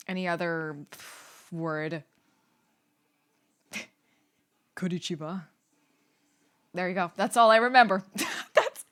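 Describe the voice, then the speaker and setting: A woman's voice: medium pitch, pushed and bright. A woman VTuber streamer chatting casually on a live stream, rambling, swearing and breaking into laughter often.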